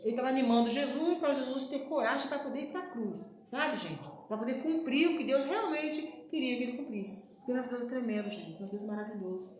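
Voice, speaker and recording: A woman's voice: fairly high pitch, a little fast, few pauses, darkish tone. A Brazilian woman preaching an informal sermon in a chatty way, often turning to her listeners with little asides. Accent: Brazilian Portuguese. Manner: chatty, frequent "né, gente" asides. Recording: very echoey room, faint noise.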